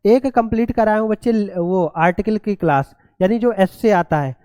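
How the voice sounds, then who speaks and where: A man's voice: high-pitched, moderate pace, warm tone, clean tone, dry recording. A male teacher giving an exam-prep grammar lesson, often calling his students "children" and spelling words letter by letter.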